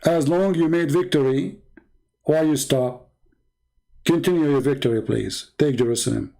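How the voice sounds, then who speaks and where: Sarcastic Middle Eastern-born debater, man, mocking and challenging tone, voice on the higher side. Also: normal speed, vocal fry, warm tone, low-quality recording. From Middle East. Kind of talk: polemical monologue.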